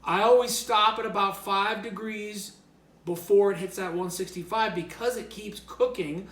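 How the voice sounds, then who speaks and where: A man's voice: sits high, steady tone, normal speed, fairly bright tone, roomy sound. A man co-hosting a cooking show, explaining the steps in upbeat, joking banter. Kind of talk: casual cooking demo banter.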